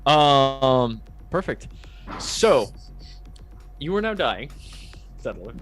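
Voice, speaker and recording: A man in a middle register runs a tabletop game, narrating the action in a loose, filler-heavy way. Soft music plays faintly behind him. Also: medium pitch, sing-song, very slow. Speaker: game master. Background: faint music he is playing.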